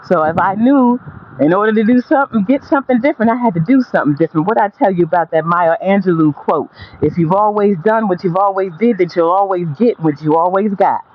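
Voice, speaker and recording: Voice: medium pitch, fast. A person giving a blunt, emphatic, profane motivational monologue while out walking, repeating phrases to drive points home. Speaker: motivational vlogger. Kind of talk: motivational monologue, casual straight talk. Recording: dull lo-fi audio, faint background noise.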